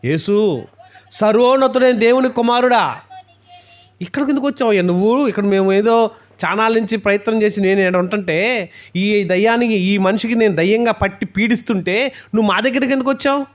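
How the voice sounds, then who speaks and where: A man's voice: sits high, a little fast, pitched above the performer's own voice, natural voice. A man voicing a tormented male demon who cries out and pleads in fear. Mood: pleading. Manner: crying out, pleading.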